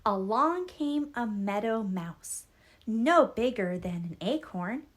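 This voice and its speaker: A woman reading a children's storybook aloud in an expressive, deliberate storytelling style. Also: a little high. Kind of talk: scripted storybook read-aloud for young children.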